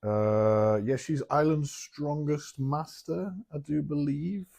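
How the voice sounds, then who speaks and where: A man's voice: on the high side, slow pace, creaky, mellow. A man co-hosting a podcast, chatting casually in a teasing, agreeable way. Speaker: podcast co-host. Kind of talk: casual chat.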